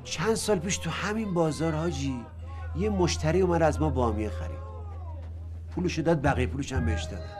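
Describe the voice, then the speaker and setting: An actor playing a proud, stubborn male sweet seller in a bazaar who is quick to raise his voice, in a period film. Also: a little high, animated, a little mellow, faint music behind, close to an everyday voice. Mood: irritated.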